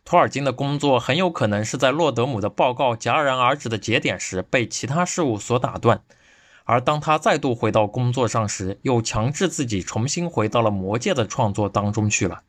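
A man's voice: mid-range voice, animated, brisk, fairly bright tone, no room sound. A man presenting a scripted podcast lecture, reading steadily and evenly from his notes into a close microphone.

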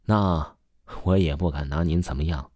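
A man's voice: very deep voice, moderate pace, mellow, no echo, clean studio sound. A man voicing a sly, menacing middle-aged man in a suit, falsely friendly and sneering, in an audio story. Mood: mock friendly.

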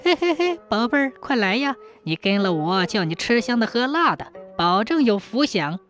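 Woman putting on a snickering village brute, lecherous, cruel, voice leaping high and sinking low. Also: very animated, normal speed, soft background music. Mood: leering. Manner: leering snicker, shouting threats.

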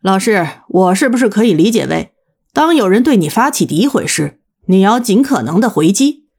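A woman's voice: mid-range voice, sing-song, normal speed, a little mellow, husky. A woman voicing a cocky young male student. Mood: taunting.

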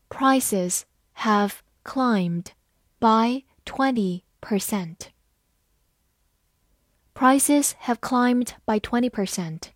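A woman whose first language is Chinese gives a patient English vocabulary lesson, spelling words out one letter at a time. Her voice sits a little high and moves at an unhurried, deliberate pace. The recording is close and dry, with no room sound. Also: no room sound. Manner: spells words letter by letter, reads example sentences very slowly. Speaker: English teacher.

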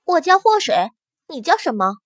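A woman's voice: extremely high pitch, big pitch swings, moderate pace, no room sound, studio quality, voice pushed up. A woman voicing an aloof but kind young woman who talks in a light, teasing way. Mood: curious teasing.

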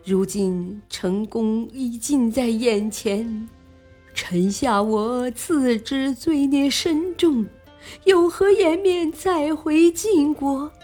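A woman voicing a tearful old male courtier who pleads slowly to retire, in a storybook reading. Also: sits high, mellow, faint music behind, voice pushed up, full character voice. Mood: remorseful. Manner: slow pleading lament.

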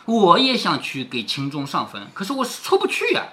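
Male host, high and lively, bright tone, storyteller explaining a classic novel line by line. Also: normal speed. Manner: explains lines in plain words, asks rhetorical questions. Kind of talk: storytelling with commentary.

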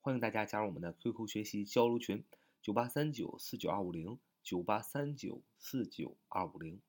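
A man's voice: on the low side, darkish tone. A man teaching English vocabulary in a recorded online lesson, spelling each word letter by letter and padding his phrases with short fillers. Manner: spells words letter by letter, stretches and repeats them slowly; frequent filler "啊" and "呃" between phrases.

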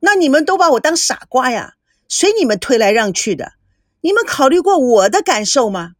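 A proud, quick-tempered young woman, put on by a female reader, scolds in a shrill, angry voice that jumps high and dips hard. The sound is dry and close, with no room around it. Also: very animated, no room sound. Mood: indignant.

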